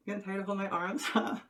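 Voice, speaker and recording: A woman's voice: medium pitch, fairly bright tone. A young woman live-streaming from home, rambling chattily to her viewers while she fiddles with something. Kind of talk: casual live-stream chat.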